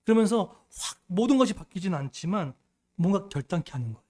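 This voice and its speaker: A man's voice: high voice, lively intonation, fairly quick, darkish tone. A middle-aged male pastor preaching a sermon, emphatic, often putting questions to the congregation.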